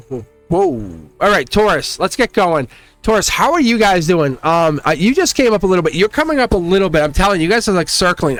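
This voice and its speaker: A man's voice: on the high side, a bit bright. A middle-aged man with a Boston accent, hosting a casual, rambling tarot reading in slangy, exclamatory language aimed straight at viewers. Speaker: tarot reader and channel host.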